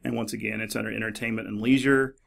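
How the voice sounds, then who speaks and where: A middle-aged man narrating a screen-recorded tutorial in a relaxed, explanatory way, with many fillers and restarts. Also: on the low side, quick pace, gravelly. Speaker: librarian demonstrating a database. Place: office.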